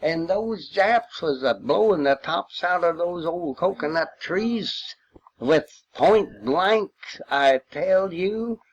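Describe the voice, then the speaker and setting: An older war veteran recounts his memories in an informal, folksy way, rambling with long hesitations. His voice sits high and is animated yet slow, and the recording has its highs cut off and slight background noise.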